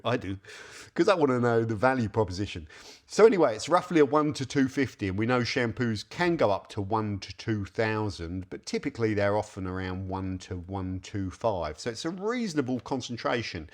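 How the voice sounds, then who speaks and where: Wry, chatty man reviewing products. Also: on the low side. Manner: chatty and wry, reads labels aloud with dry asides. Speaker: car detailing reviewer.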